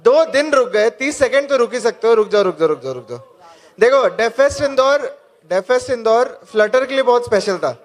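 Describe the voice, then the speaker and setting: A man's voice: very high-pitched, lively intonation, a little fast. A man, an organizer on stage urging the crowd forward with repeated calls into a handheld mic at a live event. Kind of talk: energetic crowd hype. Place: large indoor event hall.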